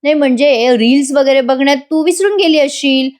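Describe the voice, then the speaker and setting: A woman's voice: sits high, a little fast, darkish tone, pitched above the performer's own voice, natural voice. A woman voicing a hungry young husband who talks impatiently and teases his wife. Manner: impatient, teasing.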